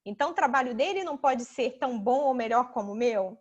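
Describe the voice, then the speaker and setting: A woman's voice: expressive, fast, highs cut off. A woman giving a casual online talk over a video call, explaining ideas step by step and often asking "né?". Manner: explanatory, sprinkles "né?", acts out children and mothers in high voices. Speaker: talk presenter.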